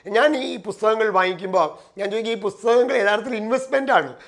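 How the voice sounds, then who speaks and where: A middle-aged man from Kerala gives a motivational career talk with a notably high voice. He moves through numbered points, speeding up and then slowing down to stress key phrases. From Kerala, India. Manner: numbered points, shifting between quick runs and slow stressed phrases. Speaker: career trainer and personal coach.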